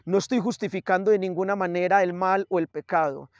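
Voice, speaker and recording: A man's voice: sits high, steady tone, brisk, no echo, highs cut off. Male priest, reflective homily delivery, close dry recording. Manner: reflective, builds points through lists and repetition. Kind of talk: sermon.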